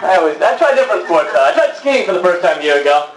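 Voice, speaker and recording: High-voiced male stand-up comic. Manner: quick deadpan punchlines, acts out little voices. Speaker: stand-up comedian. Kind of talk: stand-up comedy routine. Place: club stage with audience laughter. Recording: roomy live club recording, mic far off, loud noise.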